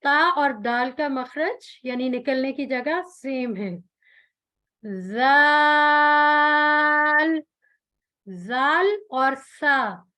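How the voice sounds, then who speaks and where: A woman's voice: high voice, fairly bright tone. A woman teaching Quran recitation, patiently explaining letter sounds and stretching out each example sound. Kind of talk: tajweed pronunciation lesson.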